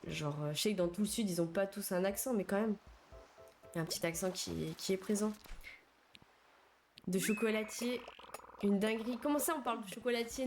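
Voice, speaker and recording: A woman's voice: medium pitch, darkish tone. A young woman streamer chatting casually and slangily with her viewers while she plays, answering their messages as they come in. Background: faint game music.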